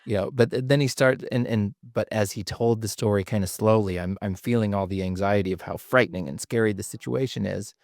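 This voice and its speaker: A man's voice: on the low side, a little fast, gravelly, hardly any pauses, a little mellow, dry recording, studio quality. A man hosting a podcast, explaining ideas in a thoughtful, conversational way with frequent restarts. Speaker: podcast host.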